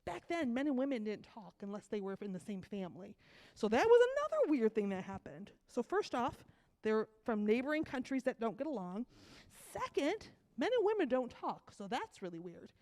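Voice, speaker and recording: A woman with a cold giving a children's sermon, telling a story to kids with lively asides and questions. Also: fairly high pitch, normal speed. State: has a cold. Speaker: children's message leader.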